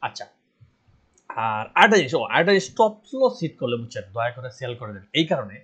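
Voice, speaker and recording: A man's voice: mid-range voice, sing-song, quick pace, fairly bright tone, breathy edge. A man from Bangladesh giving casual stock market commentary, earnest and insistent, repeating his advice. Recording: dull lo-fi voice recording.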